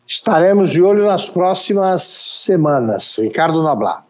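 Hosting a political talk show, a man with a Brazilian accent gives wry, opinionated commentary. He speaks at a measured pace in a slightly high, darkish voice with big swings in pitch.

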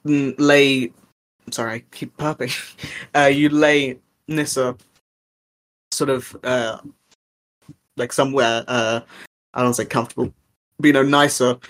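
A man's voice: mid-range voice, fairly bright tone. A man narrating as game master in a tabletop game, talking hesitantly with lots of fillers and laughs.

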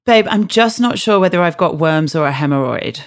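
A podcast co-host with a lowish, expressive voice chats frankly at normal speed. She pokes fun at herself with easy humor.

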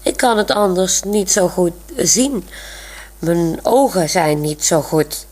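A woman reads a bashful young man, hopelessly smitten, who stammers and hurries his words when caught out. A soft, husky voice with an unhurried storybook pace. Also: fairly low pitch. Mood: eager. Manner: hesitant, eager.

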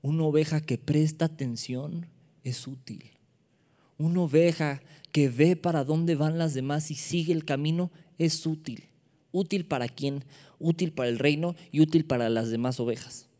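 A man's voice: a little high, normal speed, mellow, in a large hall. A man preaching a sermon, playful and full of rhetorical questions. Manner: playful, asks rhetorical questions, mimics voices.

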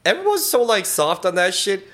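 Man in his early thirties, podcast guest; brash, profane, animated talker. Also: sits high, normal speed. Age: 30s. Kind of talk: casual chat.

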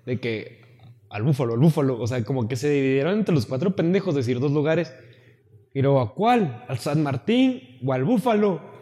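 A man with a Mexican Spanish accent telling a profane, animated story to friends on a podcast, acting out what others said. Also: fairly high pitch, normal speed, big-room sound. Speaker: podcast co-host. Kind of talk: casual storytelling among friends.

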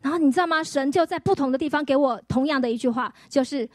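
A woman pastor, giving a lively healing testimony sermon full of acted-out quotes and rhetorical questions. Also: high-pitched, fast, no room sound, clean studio sound.

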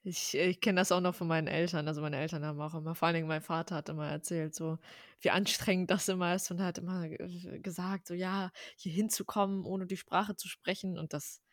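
A podcast co-host with a flat, even delivery, speaking in a measured and affirming way. The voice sounds dry and close to the mic. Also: medium pitch, no echo. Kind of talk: conversational interview.

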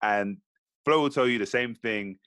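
A man co-hosting a podcast, telling stories in a lively, slangy way. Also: mid-range voice, moderate pace, smooth, dry recording. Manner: animated storytelling, slangy. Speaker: podcast co-host. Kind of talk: casual podcast chat.

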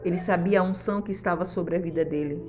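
A woman's voice: lowish voice, fairly even intonation, quick pace, over music. A woman pastor, preaching a devotional sermon in a fervent, exhorting way with repeated refrains.

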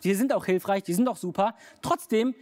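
This is a preacher delivering a relaxed sermon in a conversational register, speaking straight to the listener. Key phrases come round again and again for emphasis, and the middle-range voice stays easygoing throughout. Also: medium pitch, brisk. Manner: colloquial, direct address to listeners. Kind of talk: casual sermon.

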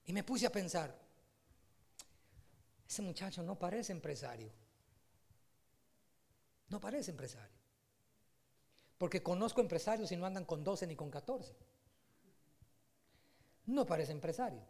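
A man preaching a sermon in an animated way, rising to loud, emphatic peaks. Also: high-pitched, measured pace, creaky, long pauses.

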